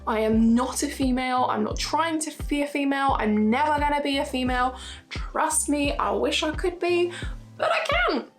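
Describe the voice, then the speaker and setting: This twenty-something woman has a high-pitched voice and lively intonation, talking at a moderate pace over soft background music. She addresses the camera directly in a casual YouTube vlog, earnest and emphatic, driving her points home through repetition.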